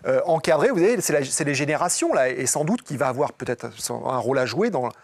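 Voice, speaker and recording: Man with a higher voice and dry sound. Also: expressive, no room sound. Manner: halting starts with repeated words, then fluent lists. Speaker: talk show guest. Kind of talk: conversational studio discussion.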